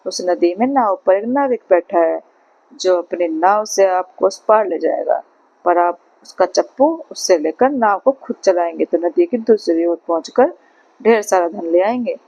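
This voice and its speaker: A woman voicing a calm, polite young lad in a storybook tale who gives plain advice, on a slightly muffled recording. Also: lowish voice, measured pace, no echo.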